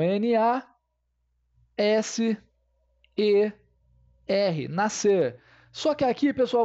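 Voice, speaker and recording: A man's voice: high voice, mellow, lo-fi sound. A man teaching a grammar lesson, explaining step by step and checking in with his viewers.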